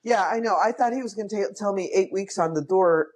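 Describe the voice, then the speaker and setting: A man's voice: high voice, fairly quick. A man co-hosting a podcast in casual chat, joking and blunt with short replies. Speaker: podcast co-host.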